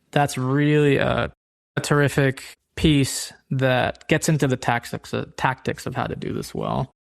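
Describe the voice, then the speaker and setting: A man's voice: medium pitch, gravelly. A man hosting his own podcast, talking through business advice in a conversational way with examples and occasional restarts. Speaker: podcast host. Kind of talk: solo business podcast talk.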